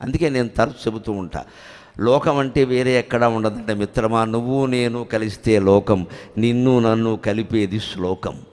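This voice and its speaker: A man's voice: fairly low pitch, fairly even intonation, normal speed, a little mellow. Older male orator, dramatic, chants verses; echoey temple hall. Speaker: spiritual orator. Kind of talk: Telugu religious discourse. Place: temple hall before a large crowd.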